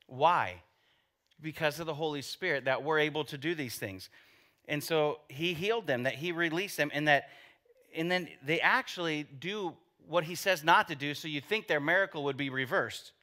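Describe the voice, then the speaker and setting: A man's voice: on the high side, expressive, moderate pace, pushed and bright. A man pastor preaching a conversational sermon, asking the congregation rhetorical questions and adding joking asides. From United States.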